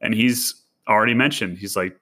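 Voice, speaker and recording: A man in his twenties co-hosting a podcast, chatting in an animated, slangy way. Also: lowish voice, normal speed. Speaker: podcast co-host. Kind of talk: casual chat.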